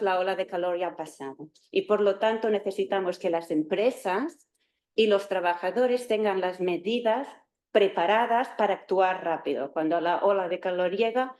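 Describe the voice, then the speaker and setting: Speaking in a mid-range, slightly mellow voice, a Catalan university lecturer in her forties introduces herself to students and explains her subject. A native speaker of Catalan from Spain, she uses fillers and restarts now and then.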